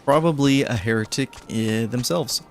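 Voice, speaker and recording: A man's voice: mid-range voice, moderate pace, faint music behind. A man streaming a game, chatting casually and joking with the characters on screen. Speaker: gaming streamer. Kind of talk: casual gameplay commentary.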